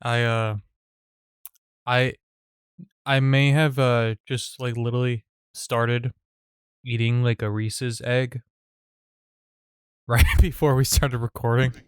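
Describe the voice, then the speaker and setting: A man's voice: mid-range voice, flat delivery, slow pace, long pauses, clean tone, dry recording, clean studio sound. A young man co-hosting a comedy podcast, telling stories in casual chat with lots of fillers and restarts. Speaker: podcast co-host.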